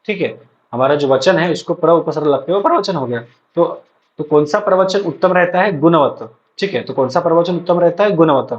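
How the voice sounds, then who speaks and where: A man's voice: fairly high pitch, a little fast. Young male tutor drilling terms aloud. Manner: repetitive, drills terms aloud for students to repeat; frequent check-ins to students. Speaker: ayurveda college lecturer. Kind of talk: exam-prep lesson. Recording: dull lo-fi recording.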